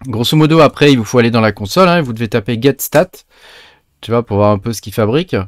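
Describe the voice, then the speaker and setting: A man's voice: mid-range voice, fast, no echo. A man hosting a casual screen-share tutorial, chatty and hesitant, with many filler sounds and restarts as he talks viewers through each step. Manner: chatty, addresses viewers directly. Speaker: crypto mining tutorial host.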